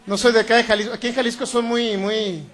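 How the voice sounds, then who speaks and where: A man from Sinaloa with a northern Mexican accent preaching a sermon, loud and emphatic, repeating key phrases and often asking the congregation whether they understand. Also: very high-pitched, flat delivery, fast, slight background noise. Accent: Sinaloan Mexican Spanish.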